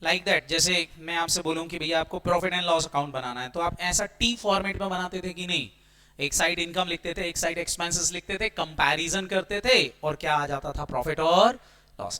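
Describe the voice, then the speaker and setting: A man teaching an accounting class in an energetic lecture style, mixing Hindi with English terms and constantly quizzing his students with quick check-in questions. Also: on the high side.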